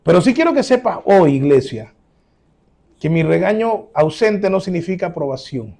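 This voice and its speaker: A man preaching as a pastor, emphatic, acting out quoted voices with sudden loud rises, then closing in prayer. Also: high-pitched, sing-song, moderate pace, creaky. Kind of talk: sermon.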